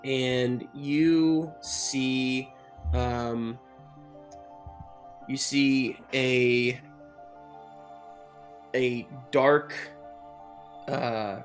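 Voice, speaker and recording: A man narrating a tabletop game as game master, improvising haltingly and searching for words. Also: medium pitch, steady tone. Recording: music playing behind the voice. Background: music.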